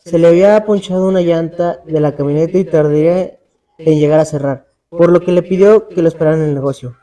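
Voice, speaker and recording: A man, co-hosting and telling a horror story in a dramatic, measured way. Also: fairly high pitch, warm tone. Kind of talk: storytelling narration in casual talk.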